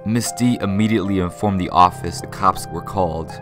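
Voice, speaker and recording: A man narrating creepy first-person stories from a script in a measured, dramatic storytelling way. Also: low voice. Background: music bed.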